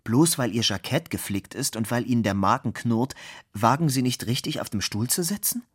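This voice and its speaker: A man's voice: medium pitch, lively intonation, moderate pace, breathy edge. A man reading aloud who voices an earnest young man, polite but firm and ironic. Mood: firmly polite.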